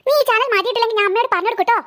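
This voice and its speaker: A woman's voice: extremely high pitch, rapid-fire, sharp tone. A woman voicing a timid little girl in a cartoon who is scared of ghosts and keeps whining and calling for her mother. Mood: whiny. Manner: pleading, whining, calls for mother. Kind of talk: cartoon voice acting.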